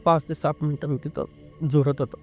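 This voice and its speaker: A young man telling a personal story as an interview guest, speaking earnestly and haltingly, with filler sounds. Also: fairly high pitch, steady tone, a little mellow, soft background music. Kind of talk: casual first-person storytelling.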